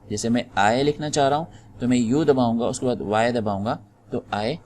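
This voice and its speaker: A man's voice: medium pitch, darkish tone, slight background noise. A man teaching typing in a screen-recorded tutorial, patiently explaining step by step and spelling out the keys one at a time. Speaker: typing instructor.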